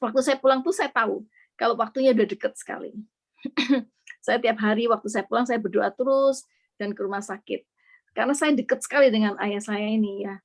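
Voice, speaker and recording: A woman's voice: on the high side, steady tone, fairly quick. A middle-aged woman from Indonesia earnestly sharing a personal faith testimony, slipping English words into her speech.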